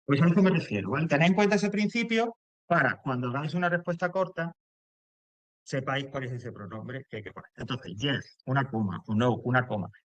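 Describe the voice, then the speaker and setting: A man's voice: mid-range voice, fairly quick, no echo, muffled recording. A man teaching English grammar to a class, explaining step by step and checking in often.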